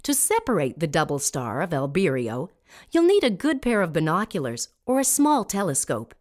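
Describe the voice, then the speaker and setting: A woman reading scripted narration as a smooth museum audio guide, measured and clearly enunciated. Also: fairly low pitch, wildly swooping pitch, a little mellow.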